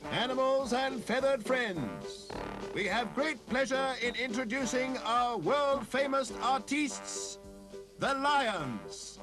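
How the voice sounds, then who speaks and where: Man putting on a high showy ringmaster. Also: very animated, takes it slowly, exaggerated voice, rough recording. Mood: announcing. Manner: announcing, barker's sing-song. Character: showy male circus ringmaster. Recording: music bed behind the voice.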